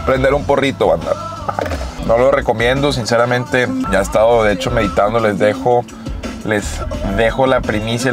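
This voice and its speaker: Relaxed, slangy man vlogging. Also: on the low side, roomy sound. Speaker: vlog host. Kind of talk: casual vlog chat. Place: home and then in a car.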